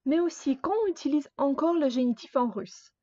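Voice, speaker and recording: Woman language teacher, deliberate repetitions, dry dull lo-fi recording. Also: sits high, dark tone, no echo. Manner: slow, careful, repeats example words. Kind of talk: grammar lesson.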